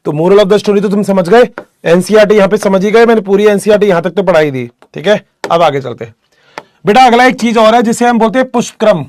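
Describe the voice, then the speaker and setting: Young male biology teacher, high voice, dry recording; casual, joking classroom delivery. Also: fairly quick, darkish tone, no echo. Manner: chatty, addresses students as beta, jokes often. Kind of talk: casual classroom lecture with storytelling.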